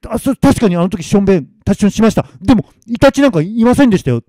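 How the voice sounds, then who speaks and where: A flustered young man , as a male storyteller voices him, stammers through his lines, pushed high and loud. The pitch leaps widely, the tone is mellow, and the sound is dry and close. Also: lively intonation, racing, no room sound.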